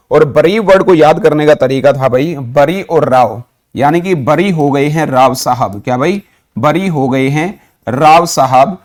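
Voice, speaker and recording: Indian man teaching vocabulary, fairly high voice. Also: darkish tone. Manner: mixes Hindi and English, asks and answers own questions. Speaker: English vocabulary trainer. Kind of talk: online vocabulary lesson.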